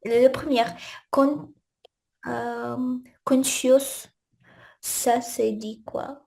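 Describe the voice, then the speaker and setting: A woman's voice: high voice, fairly even intonation, extremely slow, gravelly, mellow. A woman studying French, asking questions hesitantly and searching for words on a video call. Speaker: language student.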